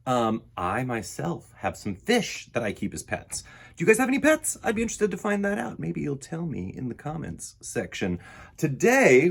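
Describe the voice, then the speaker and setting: At story time, a man with a medium-pitched voice reads a kids' picture book with lively emphasis and speaks straight to the young listeners.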